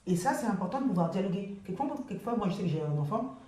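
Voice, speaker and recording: A woman's voice: medium pitch, lively intonation, very fast, mellow. A middle-aged woman, a guest in a panel discussion, speaking earnestly and repeating words as she searches for them. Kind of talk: casual discussion. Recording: roomy echo.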